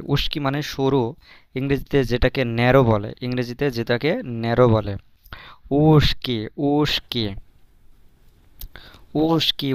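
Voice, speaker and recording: Guy teaching vocab, gravelly smooth voice, repeats every word, super dry close sound. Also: mid-range voice, no room sound. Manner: repeats each word slowly, many fillers. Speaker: language teacher. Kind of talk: explaining vocabulary.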